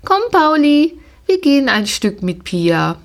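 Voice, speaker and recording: An eager little girl who adores her pony, high and bright, as a woman puts her on. It is a storybook reading, her childlike voice lifted and lively. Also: takes it slowly, exaggerated voice.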